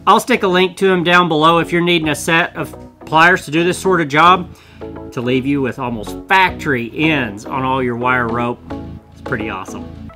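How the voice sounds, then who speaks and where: A man's voice: on the high side, normal speed, pushed and bright, faint music behind. A middle-aged man casually explaining and demonstrating a tool in a small indoor studio, chatty and folksy. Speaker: tool reviewer. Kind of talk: casual product demo.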